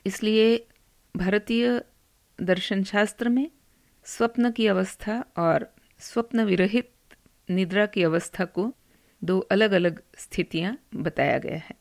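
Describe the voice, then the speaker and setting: A woman teaching Sanskrit who explains a devotional hymn in a slow, measured way and chants its verses. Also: mid-range voice, vocal fry.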